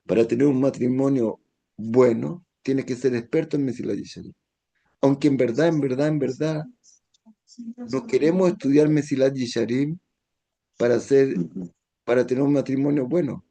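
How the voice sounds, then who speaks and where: A man, a rabbi, teaching a Torah lesson in a gentle tone, now and then acting out the voices he quotes. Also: medium pitch, creaky.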